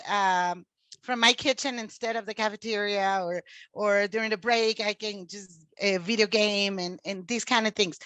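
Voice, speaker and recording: A woman's voice: a little high, fairly bright tone, no room sound. A woman in her forties from Mexico, a teacher talking as a podcast guest, chatty with many fillers and restarts. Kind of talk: casual interview talk.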